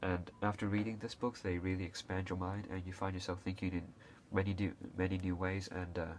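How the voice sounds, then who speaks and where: A young Hong Kong creator talks to camera in a low-pitched, level voice, a little fast. His casual, unscripted speech is hesitant, with frequent fillers, restarts and a few coughs, over slight background noise.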